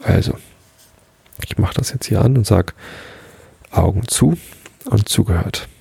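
A man hosting a podcast, calmly reading a bedtime story aloud on a close mic. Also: fairly low pitch, a little slow, vocal fry, a little hiss or hum. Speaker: podcast host and story reader.

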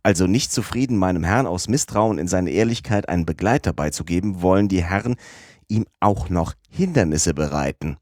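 A man voicing an excitable, loyal French manservant who talks indignantly and exclaims often. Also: low voice, a little fast, no room sound, studio quality.

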